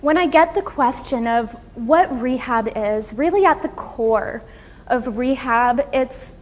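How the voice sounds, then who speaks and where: A soft, high-voiced woman, an occupational therapist, gives a prepared talk to an audience in a conference room. The recording is echoey, with audible background noise.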